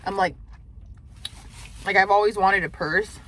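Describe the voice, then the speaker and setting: A woman's voice: mid-range voice, steady tone, unhurried, a bit bright, a little hiss or hum. A young woman chatting casually and profanely while eating in a parked car, often dropping to a near whisper. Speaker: mukbang vlogger.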